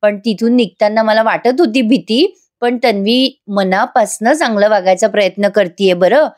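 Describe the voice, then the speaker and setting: A woman voicing a gentle middle-aged wife who speaks softly and reassuringly. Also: medium pitch, normal speed, close to an everyday voice.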